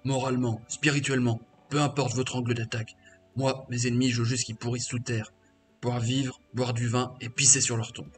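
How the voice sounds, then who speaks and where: A man's voice: medium pitch, level tone, a little fast, natural voice. A man voicing a bitter, defiant male half-orc warrior mage who was once a slave, reading crude, scornful game dialogue aloud over faint game music.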